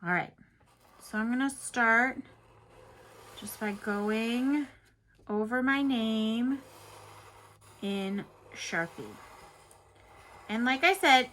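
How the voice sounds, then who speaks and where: Bright, high-voiced woman teaching kids art. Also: fairly even intonation, takes it slowly, pauses often, a little hiss or hum. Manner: step-by-step, encouraging, simple wording. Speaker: children's art teacher and show host. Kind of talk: instructional craft lesson for children.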